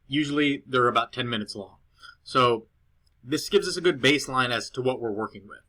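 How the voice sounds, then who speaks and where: A man talks through a report in a relaxed, rambling way, full of fillers and restarts. His voice has a bright, forward edge and sits at an ordinary middle pitch. It sounds like a casual screen recording made on a cheap laptop at home. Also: a little fast. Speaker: SEO consultant presenting a client report. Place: girlfriend's house, indoors.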